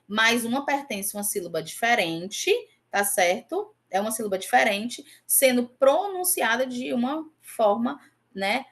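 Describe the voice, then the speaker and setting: A woman with a fairly high voice teaches a grammar lesson and walks her students through exam answers. She repeats her example words slowly and keeps asking whether everyone is following. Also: fairly bright tone. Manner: patient, checks in often with "tá?" and "ok?". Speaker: Portuguese teacher. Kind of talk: online class explaining exam answers.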